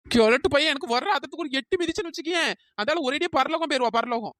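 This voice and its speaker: Quick-tongued, high-pitched, fiery cartoon village woman, woman voice actor. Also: lively intonation, dry recording, clean studio sound. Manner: loud, abusive, argumentative. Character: hot-tempered quarrelsome village woman. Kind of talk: cartoon voice acting.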